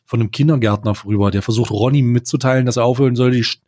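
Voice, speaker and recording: A man co-hosting a podcast in relaxed, casual conversation. His humor is dry and wry, delivered at an ordinary middle pitch. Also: very fast. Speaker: podcast co-host. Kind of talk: casual chat.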